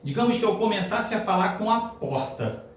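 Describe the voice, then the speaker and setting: A Brazilian man teaching grammar in an upbeat, explanatory way, slowing down on his examples and checking in with the class. His voice sits a bit high for a man. It sounds very echoey and distant, picked up from across a classroom with a faint hiss behind. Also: expressive. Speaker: Portuguese teacher.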